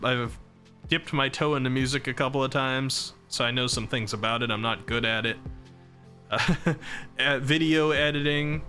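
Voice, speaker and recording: A young man is streaming live and chatting casually about himself, rambling and poking fun at himself as he reads chat and laughs. His medium-pitched voice is bright and forceful but starting to go hoarse from talking so long.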